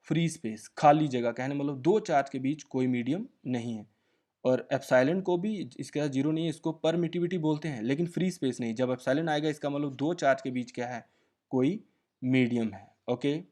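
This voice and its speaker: A male physics teacher, giving a lecture, asking his own questions and dictating formulas slowly. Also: medium pitch, darkish tone. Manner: repetitive quizzing questions, slow dictation of formulas. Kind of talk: classroom lecture.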